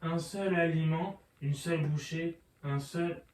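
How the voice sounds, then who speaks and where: A man at home reading a list of numbered tips aloud at a slow, deliberate pace. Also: a little high, a little mellow, distant mic, slight background noise. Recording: echoey room, from across the room.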